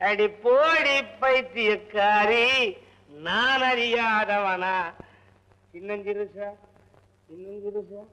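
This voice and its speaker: A man's voice: very high-pitched, normal speed, sharp tone, low-quality recording. An actor playing a comic drunken male servant who whines and wails for liquor, in old film comedy style. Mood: drunken rambling. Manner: whiny, wailing comic complaints. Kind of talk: 1960s Tamil film comedy acting.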